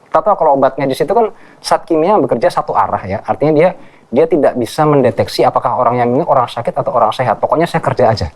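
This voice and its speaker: Man, Indonesian accent, extremely quick talker, medium pitch, didactic doctor on a promotional show. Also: expressive. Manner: didactic, checks with "ya". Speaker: doctor and health consultant. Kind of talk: explanatory medical talk on a promotional show.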